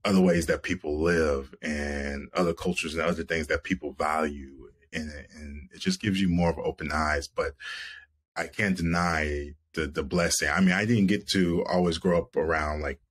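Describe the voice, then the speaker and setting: Speaking at a moderate pace from his home over a video call, this thirty-something actor guest reflects earnestly in an interview, frequently restarting. His voice is rumbling and low yet fairly bright, with a steady tone.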